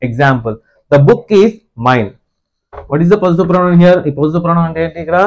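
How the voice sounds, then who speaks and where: A man with a Telugu accent teaching English grammar. He reads English definitions slowly and deliberately, then explains quickly and asks the class questions. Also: on the high side, a little mellow, highs cut off. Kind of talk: classroom-style grammar lesson.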